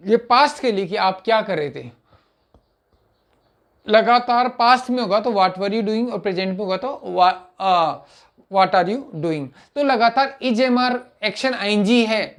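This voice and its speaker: Male teacher explaining grammar with fillers. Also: high-pitched. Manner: explains through small acted dialogues and repeated examples; halting, with frequent "uh" fillers and restarts. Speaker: spoken English teacher. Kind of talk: casual explanatory lesson.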